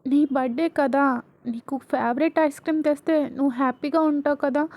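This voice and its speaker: Storybook role: tearful small girl, sobbing and whiny, put on by a woman narrator; high voice. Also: fairly even intonation, a little fast, a little mellow, close to an everyday voice. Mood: sheepish.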